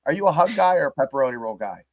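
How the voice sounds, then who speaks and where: Hoarse, crackly-voiced male sports host. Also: on the high side, lively intonation, rapid-fire, dry recording, highs cut off. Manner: rambling and jokey. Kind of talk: casual livestream sports chat.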